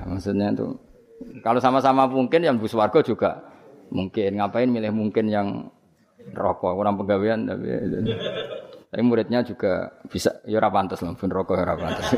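Male preacher with a Javanese accent, rough gravelly low voice, casual sermon with laughs. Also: darkish tone. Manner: joking, laughing, slips into Javanese. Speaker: Islamic preacher.

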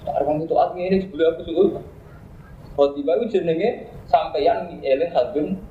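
A man's voice: fairly high pitch, brisk, slight background noise. A man with a Javanese accent giving a casual religious talk, joking and laughing often as he recites Arabic verses. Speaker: Islamic preacher. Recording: roomy, dull lo-fi recording.

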